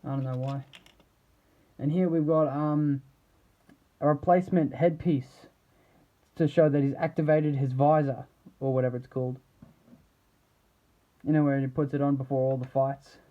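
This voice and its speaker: An action figure reviewer casually shows off a product, rambling haltingly and trailing off mid-thought without a script. His mid-range voice holds a steady tone, and the audio is narrow and tinny.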